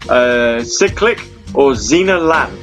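A man's voice: medium pitch, lively intonation, takes it slowly, a bit bright, soft background music. A man in his thirties hosting an internet radio show, rambling chattily with lots of ums and restarts. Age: 30s. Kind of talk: casual chat.

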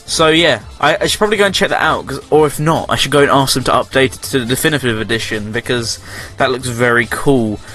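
A man's voice: medium pitch, quick pace, hardly any pauses, bright, forceful tone, faint music behind. A man hosting a radio show, chatting casually through a news roundup, rambling, correcting himself and joking sarcastically.

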